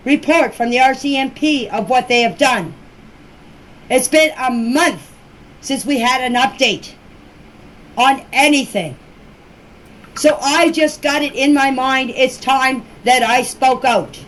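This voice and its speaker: Speaking out as a relative about missing children, this grandmother has a high, slightly bright voice. She answers questions in an informal, plain-spoken, insistent, repetitive manner, and the amateur clip sounds rough.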